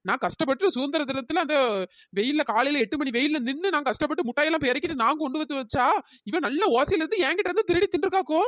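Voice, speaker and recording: A hot-tempered young village woman, as a woman puts her on for a cartoon, ranting in a fast, high, pitch-raised voice. She sounds indignant throughout, and the recording is dry. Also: fairly bright tone, no echo. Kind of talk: cartoon storytelling.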